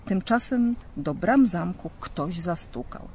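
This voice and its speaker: Guy reading a storybook legend out loud, expressive, slightly high voice, faint hiss behind. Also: takes it slowly. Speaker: narrator.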